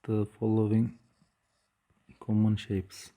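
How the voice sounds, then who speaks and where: Male lecturer, very dark mellow tone, slow and halting delivery with many hesitations. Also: fairly low pitch, monotone. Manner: slow, measured, frequent hesitations with uh. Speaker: physics lecturer. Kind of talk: whiteboard lecture.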